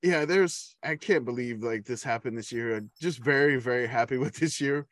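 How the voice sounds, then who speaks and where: A man's voice: mid-range voice, normal speed, a bit bright, dry recording, studio quality. A man co-hosting a casual sports podcast, enthusiastic and rambling, laughing often. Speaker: podcast co-host.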